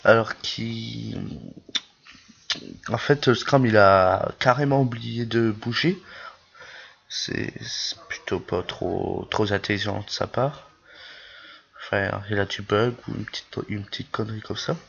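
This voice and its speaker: A man's voice: on the low side, takes it slowly, vocal fry, pauses often, fairly bright tone. A man with a lisp and slushy s sounds gives casual game commentary, hesitant, searching for words and repeating himself. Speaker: YouTube gameplay host. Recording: dull lo-fi microphone.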